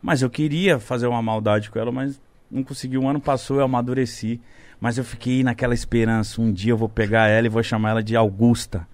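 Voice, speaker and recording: A young man telling a story on a podcast in slangy, animated casual chat. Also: mid-range voice, fast talker, dry recording. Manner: slangy, animated, laughs while telling stories. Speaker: podcast host. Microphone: studio microphone.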